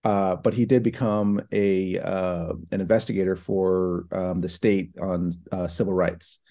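A man's voice: low voice, little pitch movement, unhurried, mellow. A middle-aged man talking casually from a home office over a video call, thoughtful, with many fillers and restarts. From New Hampshire and Ohio, United States. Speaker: guest, foundation president. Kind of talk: casual online interview. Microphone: video call from laptop.

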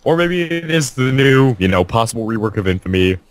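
A man's voice: mid-range voice, expressive, fairly quick, a little hiss or hum. A man co-hosting a podcast in casual chat, joking along with frequent fillers. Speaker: podcast co-host.

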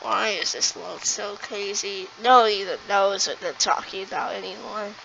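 A woman's voice: medium pitch, fairly even intonation, moderate pace, creaky, bright, forceful tone, rough recording. A woman creator acting out a comedic skit with exasperated, dramatic complaining. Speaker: video creator. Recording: faint background noise.

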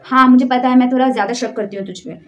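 High-pitched young woman nagging a boyfriend. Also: fairly even intonation, fast talker, muffled recording, a little hiss or hum. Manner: nagging, suspicious, switching between scolding and pleading. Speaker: comedy sketch creator. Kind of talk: one-sided comedy sketch monologue. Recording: loud background music.

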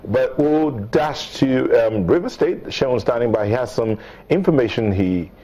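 A man's voice: mid-range voice, lively intonation, measured pace, dark tone, muffled recording. A Nigerian-accented man in his forties presenting a morning TV show in an informal studio style.

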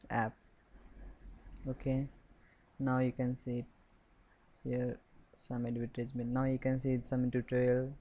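A man with a mid-range voice walks through a software tutorial step by step without a script. His instruction is halting and repetitive.

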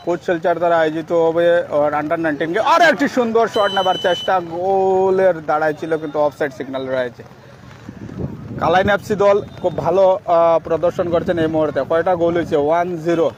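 A man with a high-pitched voice and a Sylheti accent gives live football commentary from outdoors. He switches between casual chat with viewers and excited, drawn-out calls of the play. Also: slight background noise, rough recording. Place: outdoors by a roadside at a football ground.

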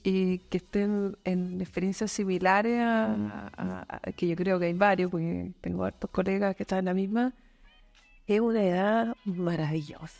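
In a casual interview recorded in an office studio, a Chilean woman in her fifties, a company manager appearing as a guest, talks thoughtfully with many fillers and restarts. Her medium-pitched voice is gravelly and a little mellow, with fairly even intonation and normal speed. She's picked up on a desk boom mic, with faint music behind her.

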